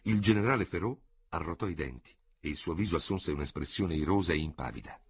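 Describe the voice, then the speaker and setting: A man's voice: low voice, lively intonation, fast talker, breathy edge, dry recording. A man reading a novel aloud as a radio audiobook narrator, composed and dramatic.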